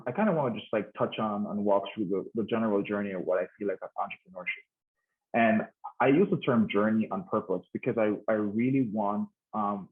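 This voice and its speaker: A man in his thirties giving a conference talk, hesitant, with many restarts and fillers. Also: on the low side. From Jamaica. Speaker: conference speaker. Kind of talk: informal presentation. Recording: tinny phone-like line.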